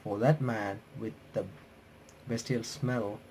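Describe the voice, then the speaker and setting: A man hosts a visual novel playthrough, reading the text aloud with casual asides, but he's halting, often stumbling over words and restarting sentences. His voice is lowish and darkish with fairly even intonation, and there's a little hiss or hum.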